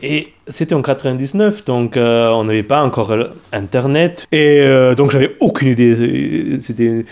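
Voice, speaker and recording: A middle-aged man from Austria, a native German speaker with an Austrian accent, answering interview questions in a halting way with many pauses. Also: mid-range voice, vocal fry, a little mellow. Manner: hesitant, halting, frequent fillers and light laughs. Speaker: guest. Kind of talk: casual interview.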